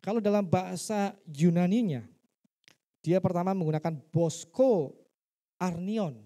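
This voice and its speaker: A man's voice: sits high, a little slow, mellow. A male pastor preaching a sermon in church. He teaches by asking his listeners questions and acting out the quoted dialogue.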